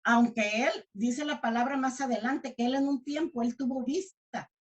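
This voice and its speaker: A woman's voice: on the high side, moderate pace, lo-fi sound. Earnest woman preacher, Mexican accent. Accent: Mexican Spanish. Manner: earnest, repeats and corrects herself, cries out when quoting. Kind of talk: sermon.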